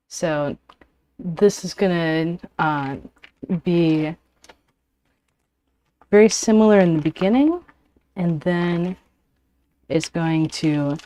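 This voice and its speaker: Woman, streamer, casual chat, slow unhurried delivery, slightly low voice, a bit breathless. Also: dark tone. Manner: unhurried, talks while working with frequent pauses. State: a little out of breath. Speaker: origami livestream host. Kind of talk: casual livestream chat while folding.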